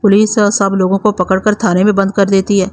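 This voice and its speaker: A woman's voice: mid-range voice, level tone, darkish tone, close to an everyday voice. A woman narrator voicing an innocent, eager eight-year-old village boy in a storybook reading, who answers earnestly.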